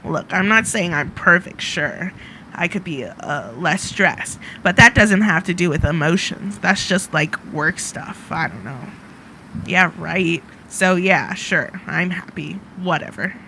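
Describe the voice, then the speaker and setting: A woman voicing a grumpy, guarded young woman in a narrative game, talking curtly and dismissively in a lowered voice. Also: a little slow, bright, forceful tone, a little hiss or hum, rough recording. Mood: defensive. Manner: curt, dismissive, defensive.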